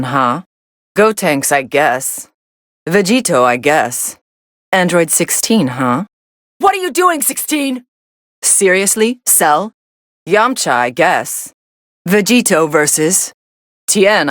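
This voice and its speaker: An actress playing a cool, sardonic young female android, commentating on fights in a video game with a deadpan, dismissive delivery. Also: fairly low pitch, slow pace, long pauses, no echo, studio quality, full character voice. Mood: cool, detached, then startled.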